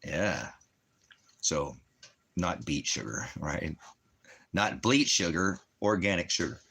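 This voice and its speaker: Slow and animated, this man's low voice is a bit bright with a breathy edge. He hosts a rambling Bible teaching livestream indoors by his home fireplace, working as a ministry teacher who confronts commenters bluntly and tends to answer his own questions.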